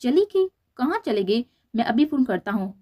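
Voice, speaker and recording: A woman's voice: a little high, sing-song, normal speed, warm tone. Woman doing a worried young man. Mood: anxious. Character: young man searching anxiously.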